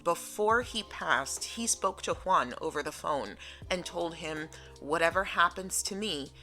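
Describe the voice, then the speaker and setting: A woman's voice: low-pitched, pushed and bright. A woman from the United States telling a personal story in a casual, chatty vlog style. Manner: casual, chatty, laughing now and then. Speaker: vlogger. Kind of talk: storytime narration.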